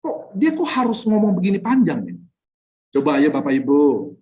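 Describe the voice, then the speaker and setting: A man's voice: sits high, wildly swooping pitch, normal speed, warm tone. A man who is a pastor teaching a casual Bible study, blunt and full of rhetorical questions to his listeners. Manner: chuckles between points. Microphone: online class recording.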